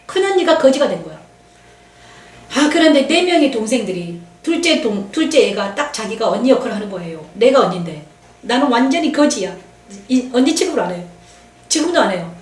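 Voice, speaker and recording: A woman's voice: a little high, big pitch swings, fairly quick, recorded from a distance. A middle-aged woman pastor giving an emotional, confiding testimony sermon and acting out what others said. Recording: echoey room, voice from off-mic.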